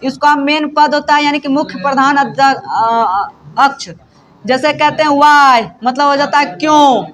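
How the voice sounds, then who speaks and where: High, bright-voiced man teaching grammar. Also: unhurried. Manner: quizzing students with call-and-response questions. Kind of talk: classroom lesson.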